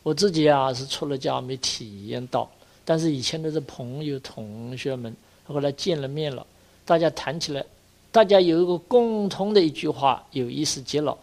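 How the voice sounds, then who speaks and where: Older male monk, dharma lecture, gravelly and a touch high-pitched, earnest and exhorting, lots of drawn-out filler sounds. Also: a little mellow. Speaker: Buddhist monk teacher.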